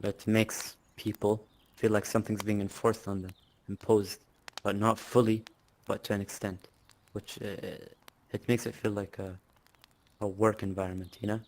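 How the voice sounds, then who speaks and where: A man talks casually as an interview guest, boasting and often laughing. His voice sits fairly low. It stays quite flat in tone. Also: moderate pace. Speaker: interviewee, clan leader.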